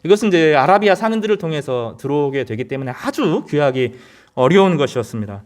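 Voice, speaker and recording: A man's voice: fairly high pitch, animated, fast. A man preaching a sermon as pastor, earnest, with rising emphasis and frequent hesitation fillers.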